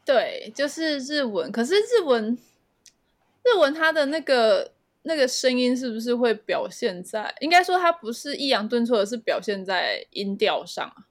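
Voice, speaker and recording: A woman's voice: on the high side, big pitch swings, normal speed. A woman with a Taiwanese Mandarin accent co-hosting a casual podcast chat, giggling often and asking eager follow-up questions. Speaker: podcast co-host.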